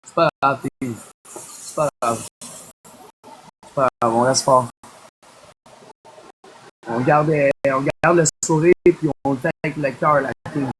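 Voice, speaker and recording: Speaking slowly and pausing often, a man from Quebec with a Québécois French accent runs a casual outdoor livestream, chatting with viewers and thanking each by name. He's set up across from a busy boulevard, his medium-pitched voice is steady, and faint traffic noise carries behind him.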